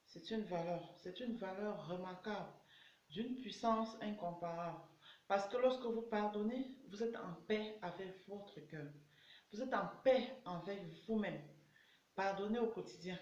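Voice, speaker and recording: A woman's voice: medium pitch, unhurried, a little mellow. A woman personal development coach giving an earnest motivational talk, repeating her exhortations. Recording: echoey room, dull lo-fi sound.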